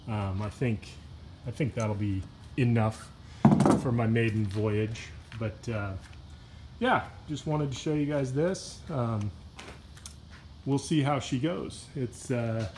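A man filming a casual vlog outdoors beside a pickup truck, talking in a relaxed, rambling way with lots of "uh" and "you know". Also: medium pitch, slight background noise. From Washington state. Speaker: kayak fishing vlogger. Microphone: handheld phone camera, filming himself off-screen.

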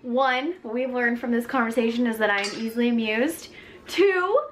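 An American woman in her thirties chatting casually to camera at home, animated and jokey. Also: fairly high pitch, moderate pace, a little hiss or hum. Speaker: vlogger and mother. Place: indoors, home kitchen and laundry room. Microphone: camera at arm's length or nearby.

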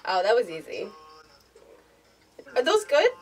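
A woman's voice: a little high, wildly swooping pitch, measured pace, distant mic. A woman hosting her vlog, playing a guessing party game in a giggly chat, laughing often and repeating phrases. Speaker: YouTuber host.

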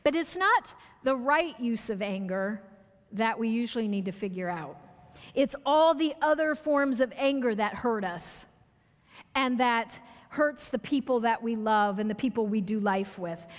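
High-voiced woman preaching in a reverberant church. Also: expressive, unhurried. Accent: American. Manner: conversational, asks the audience questions, restarts and stumbles. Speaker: pastor. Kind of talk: sermon. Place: church sanctuary.

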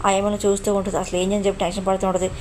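A woman's voice: medium pitch, flat delivery, racing, a little mellow, a little hiss or hum. A woman retelling a family drama episode as a storyteller, voicing every character herself. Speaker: storyteller recapping a TV serial. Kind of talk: fast storytelling narration.

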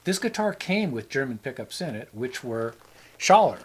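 A man's voice: medium pitch, very animated, normal speed, a little hiss or hum, poor audio. Easygoing man co-hosting a chat show. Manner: rambling, easygoing, joking. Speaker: show co-host. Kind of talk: casual chat.

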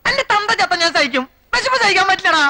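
A man's voice: very high-pitched, expressive, rapid-fire, background noise. An actor playing a starving man in a film comedy, moaning and whining self-pityingly as if on his deathbed.

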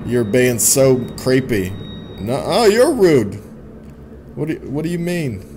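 Speaking slowly yet very animated, this young YouTuber has a warm, mid-range voice with slight background noise. He plays through a game at his home setup, reading its text aloud and reacting playfully while game music runs.

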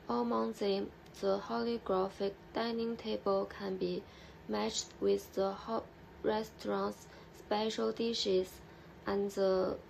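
A young woman presents for a class over a webcam, reading her notes slowly and with care. Her voice is heavily gravelly with deep vocal fry. A faint hum sits behind her. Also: darkish tone, poor audio. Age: young adult. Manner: slow, careful reading with restarts. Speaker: student presenter.

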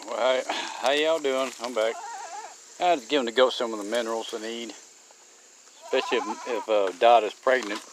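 Walking his homestead with a phone camera in hand, this man narrates his vlog casually, drawling and wandering off topic with plenty of fillers. He has a lowish voice, and a slight hiss or hum runs under the audio.

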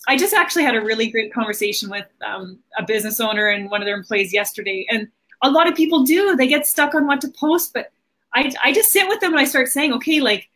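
Hosting a marketing livestream in her small home office, a woman in her thirties holds a casual, informal conversational interview. Her voice is a little high, bright and forceful, and she talks fast and animatedly.

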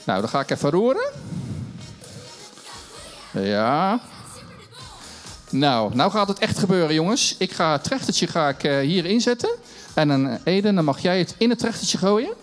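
A man's voice: high voice, sing-song, moderate pace, long pauses, soft background music. A middle-aged man presenting a children's church show on a stage, chatty and encouraging as he runs a science demo, speaking into a handheld mic. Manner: chatty and upbeat, encouraging, self-mocking.

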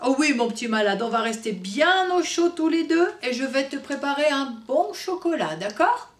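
Woman doing a gentle caring storybook mother. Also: high voice, big pitch swings, normal speed, pitched above the performer's own voice. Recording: roomy echo, mic far off.

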